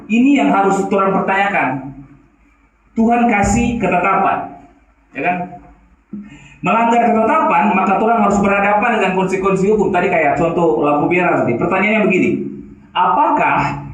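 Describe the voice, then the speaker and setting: A man delivers an emphatic sermon, calling out rhetorical questions to the congregation. His voice sits fairly high for a man. It rings through a very echoey church hall, picked up from some distance off the mic. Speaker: preacher.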